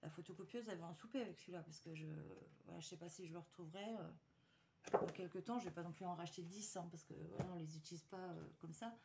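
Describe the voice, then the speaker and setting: A woman's voice: lowish voice, fast talker, vocal fry, very noisy. A woman chatting casually to her viewers while showing a paper haul, hesitant with many fillers and restarts.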